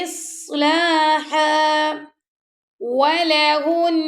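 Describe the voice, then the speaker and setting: A woman teaching tajweed, patiently explaining pronunciation step by step and then chanting the words slowly. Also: medium pitch, gravelly. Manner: patient, explains step by step, often checks with "ٹھیک ہے؟"; slow drawn-out chanted recitation between plain explanation. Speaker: Quran recitation teacher. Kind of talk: tajweed lesson, explaining and reciting.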